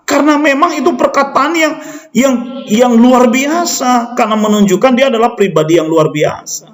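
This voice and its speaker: A man's voice: extremely high pitch, moderate pace. A man preaching a sermon, pressing his listeners with rhetorical questions and calling them brothers and sisters. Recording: echoey hall.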